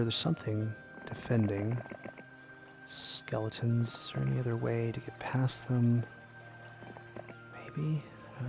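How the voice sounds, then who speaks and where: Guy walking thru a strategy game tutorial, laid-back and chatty, bit rambly, soft game music underneath. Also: medium pitch, gravelly. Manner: relaxed, explains step by step, rambles off topic. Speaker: gaming YouTuber, tutorial host. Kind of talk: casual gameplay tutorial commentary.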